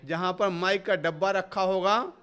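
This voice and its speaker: Monk guy preaching into a mic, high voice, acts out little dialogues. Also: fairly even intonation, measured pace, fairly bright tone, clear, resonant tone. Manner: explanatory, asks rhetorical questions; acts out short everyday dialogues. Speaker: Jain monk giving a discourse. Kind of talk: sermon. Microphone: speaking into a hall microphone.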